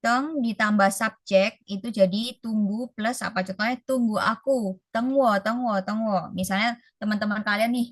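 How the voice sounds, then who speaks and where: A young woman tutoring an online Mandarin class, explaining quickly and saying phrases slowly. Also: medium pitch, fairly even intonation, dry recording.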